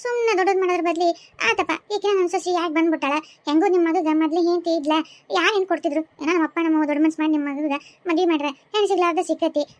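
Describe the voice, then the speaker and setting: A woman's voice: very high voice, fairly even intonation, rapid-fire, no echo. A woman voicing a cheeky, smug young daughter-in-law in a cartoon, with a North Karnataka Kannada accent. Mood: teasing. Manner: smug, teasing.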